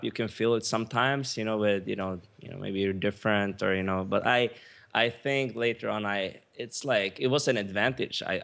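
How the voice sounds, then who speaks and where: A man's voice: lowish voice, fairly bright tone. Swedish-raised man, "you know" everywhere. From Sweden. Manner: fast, leans on "you know" constantly. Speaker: podcast guest. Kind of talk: podcast interview.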